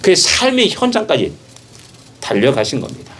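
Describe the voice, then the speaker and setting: A male pastor preaching a sermon, emphatic, with rhetorical questions and repeated phrases, swinging from soft passages to loud exhortation. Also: a little high, wildly swooping pitch, normal speed, a little hiss or hum.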